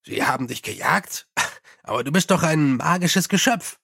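A man voicing a gruff, weary middle-aged police commander who talks in a dry, blunt and grumbling way. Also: fairly high pitch, lively intonation, normal speed, fairly bright tone, exaggerated voice.

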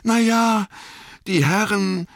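A man reading aloud and voicing a timid, fawning young male hobbit gardener who pleads in a rushed, breathless way. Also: sits high, very animated, sharp tone, dry recording, clean studio sound, voice pushed up, heavily acted. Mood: eager.

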